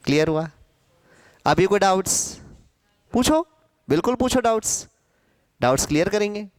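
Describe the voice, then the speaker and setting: A male Hindi teacher giving a grammar lesson to a class, asking questions and answering them himself, sounding out syllables slowly. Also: high voice, animated, no room sound. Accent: Hindi, from central India.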